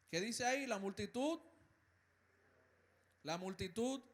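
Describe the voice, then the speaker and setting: A male pastor with a Dominican accent preaching a sermon, slow and emphatic, with dramatic pauses and hushed, gentle passages. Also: sits high. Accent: Dominican Spanish.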